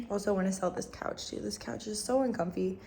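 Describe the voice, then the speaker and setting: A young woman vlogging in a chatty, rambling way, with many fillers, her voice hoarse from a recent cold. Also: mid-range voice, normal speed, darkish tone, a little hiss or hum. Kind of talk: casual vlog chat.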